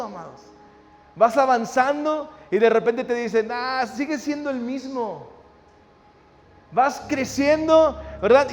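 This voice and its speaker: A man's voice: extremely high pitch, a little mellow, slight background noise. A male pastor preaching a sermon, building in intensity and often asking his listeners "¿verdad?". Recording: reverberant hall with faint ambience.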